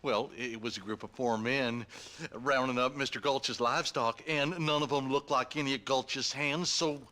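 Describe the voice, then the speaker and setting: An actor voicing an eager young frontier deputy with a rural Western accent, folksy and a little sarcastic. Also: male voice, medium pitch, steady tone, moderate pace, sharp tone, natural voice. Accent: rural American Western.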